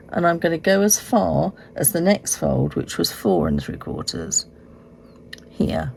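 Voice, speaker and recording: Croaky, low-voiced woman demonstrating crafts. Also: mellow, slight background noise, rough recording. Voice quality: hoarse, croaky like a frog. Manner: unhurried, explaining step by step. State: croaky voice, recovering from illness. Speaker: host of a card-making tutorial. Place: indoors at a craft desk.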